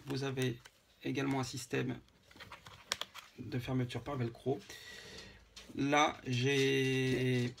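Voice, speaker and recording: A man casually showing a handmade photo album, talking to viewers with many pauses and fillers. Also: medium pitch, monotone, vocal fry, a little hiss or hum. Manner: hesitant, many fillers, chatty asides to viewers. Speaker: scrapbooking vlogger. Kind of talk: casual show-and-tell.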